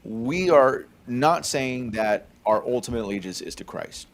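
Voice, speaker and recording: A creaky, mid-range male voice with lively intonation speaks at a measured pace. The speaker, a forties-aged Californian, co-hosts a faith-based podcast and comments conversationally, dropping in many fillers and a frequent "okay?"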